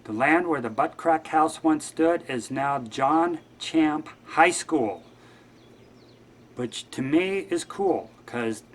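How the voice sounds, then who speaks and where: A man guest-hosting a show, talking in a rambling, wry and offhand way. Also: mid-range voice. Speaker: guest host. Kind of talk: casual monologue.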